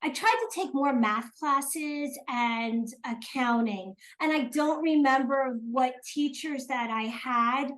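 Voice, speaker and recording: A woman's voice: high-pitched, takes it slowly, few pauses, a bit bright, rough recording. An older woman from South Jersey with a South Jersey accent, chatting as an interview guest, hesitant with many ums and restarts. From South Jersey, USA. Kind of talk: casual interview chat.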